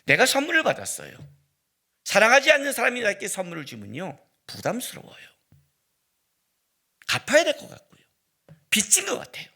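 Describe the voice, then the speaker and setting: A middle-aged man preaching a sermon as pastor, animated and acting out dialogue, rising at times to a shout. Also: high voice, brisk, creaky, pauses often.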